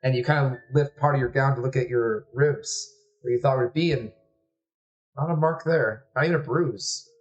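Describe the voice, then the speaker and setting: A man acting as game master, narrating a tabletop game at an ordinary mid pitch. His delivery is relaxed and descriptive, with casual fillers. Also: normal speed, highs cut off.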